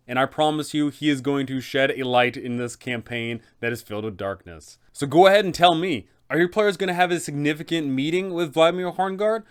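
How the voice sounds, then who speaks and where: Speaking straight to his audience, an enthusiastic game master guide host narrates tips for running games. He has a clean-toned voice pitched somewhat high.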